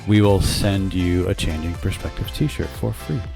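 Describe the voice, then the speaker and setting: Gravelly low-voiced male podcast co-host. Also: normal speed, music in the background. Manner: earnest, argues his point, reads plugs upbeat. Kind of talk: casual chat with partner. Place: home room with sleeping dogs.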